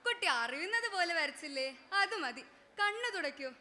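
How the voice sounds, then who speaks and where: A woman voicing a kind schoolteacher who coaxes a crying pupil in a gentle, affectionate way. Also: very high-pitched, expressive, moderate pace, long reverb tail, a little hiss or hum, voice pushed up, heavily acted. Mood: tender coaxing. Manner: gentle, coaxing.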